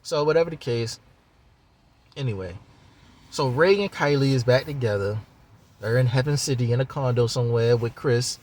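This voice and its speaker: A man's voice: medium pitch, normal speed, long pauses, darkish tone. A man talking in a loose, rambling monologue about spiritual ideas, casual and profane, with lots of fillers.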